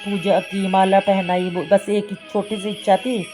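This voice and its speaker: A woman's voice: medium pitch, little pitch movement, moderate pace, close to an everyday voice. Woman quoting a heartbroken old devotee. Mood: bitter. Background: instrumental music.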